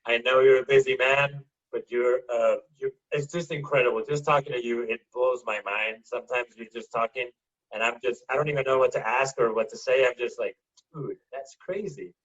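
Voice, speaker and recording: A man's voice: mid-range voice, fairly even intonation, fairly quick, a bit bright. A man co-hosting a casual podcast, effusive and laid-back in his thanks. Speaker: podcast co-host. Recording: distant, dull-sounding mic.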